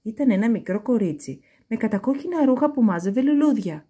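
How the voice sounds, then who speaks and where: Reading a children's story aloud, a woman with a fairly high, husky voice delivers it expressively and animatedly, her intonation swinging widely.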